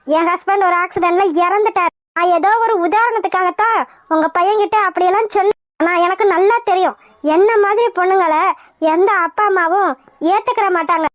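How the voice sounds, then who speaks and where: A proud young widowed doctor in a cartoon, as a woman voices her, earnest and defiant. Her voice sits very high, and the recording is dry and close. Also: a little fast, dry recording. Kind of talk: cartoon voice acting.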